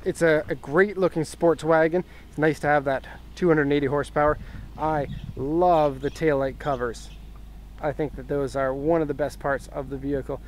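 Guy doing a chill car walkaround outside, voice a bit on the high side, little bit of street noise, camera mic. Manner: easygoing, thinks aloud with fillers and restarts. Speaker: car importer reviewing an auction car. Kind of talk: casual walkaround car review. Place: outdoors in a residential street beside the car. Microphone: handheld camera mic, filming himself off-camera.

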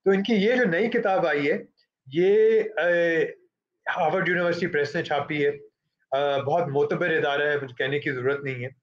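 Introducing an author at a book launch, this middle-aged moderator from Pakistan halts often, leaning on fillers and slipping into English. His pitch is on the high side, and the audio sounds dull.

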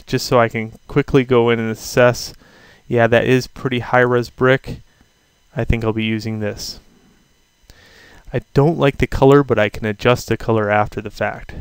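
Clear-voiced male instructor, dry sound. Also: mid-range voice, no echo. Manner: casual, thinking aloud with fillers. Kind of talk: screen-recorded software tutorial. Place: at a computer, voice-over of screen.

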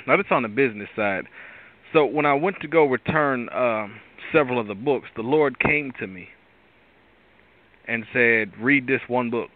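A tired male host with a raspy voice, giving a rambling devotional talk with many restarts. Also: mid-range voice, normal speed, long pauses. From Pittsburgh area. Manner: rambling, restarts often, preachy asides. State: tired from lack of sleep. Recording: tinny phone-line sound.

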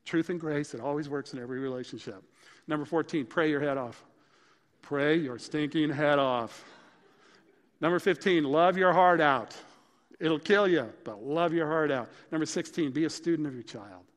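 A male pastor preaching a sermon, listing his points in a punchy, lively way. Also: fairly high pitch, brisk, long reverb tail. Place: church sanctuary.

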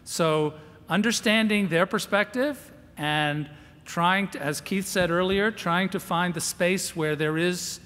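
A man with a bright, fairly high voice gives a measured panel answer after a halting start. His words carry the long reverb of a big conference hall. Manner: hesitant start, measured and reasoned. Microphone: table microphone.

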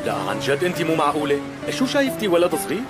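A young Syrian man speaks in a dubbed television drama, teasing and defensive. His delivery is very quick and animated, with loud music behind it. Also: fairly high pitch. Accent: Syrian Arabic.

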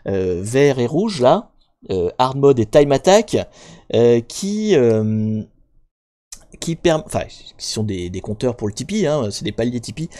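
A man's voice: mid-range voice, very animated, a little slow, mellow. A man hosting a hacking live stream, talking casually and rambling, with lots of fillers and restarts, and joking directly with his viewers. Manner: jokey, talks directly to viewers.

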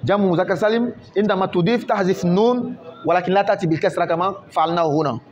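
High-voiced man teaching grammar. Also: rapid-fire. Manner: explains patiently with many examples and checks understanding. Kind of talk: classroom grammar lesson.

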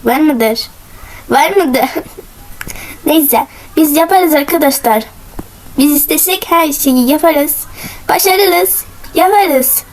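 A young woman giving casual gameplay commentary as a channel host, excited, giggly, cheering herself on. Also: sits high, slow pace, long pauses, slight background noise, low-quality recording.

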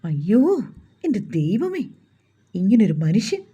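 A woman's voice: medium pitch, sing-song, unhurried, warm tone, slightly rough, muffled recording. A woman voicing a shy young bride-to-be who scolds her teasing fiancé. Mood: flustered scolding. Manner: flustered, scolding.

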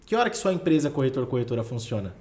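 A man's voice: medium pitch, big pitch swings, rapid-fire, darkish tone. Man host asking pointed rhetorical questions. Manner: coaching tone, stacking rhetorical questions. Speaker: podcast host. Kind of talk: casual podcast chat.

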